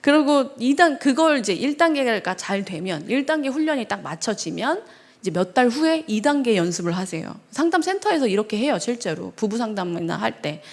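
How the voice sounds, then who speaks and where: Woman pastor lecturing in a church hall, lively and questioning, voice sits a bit high. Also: brisk. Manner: animated, acts out quoted dialogue in changing voices; asks the audience questions. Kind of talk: seminar lecture to a congregation.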